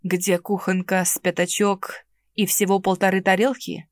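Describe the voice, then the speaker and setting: A woman's voice: medium pitch, flat delivery, normal speed, dry recording, natural voice. Woman doing a curt, stern male inquisitor. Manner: curt, ironic and commanding. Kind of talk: audiobook character reading.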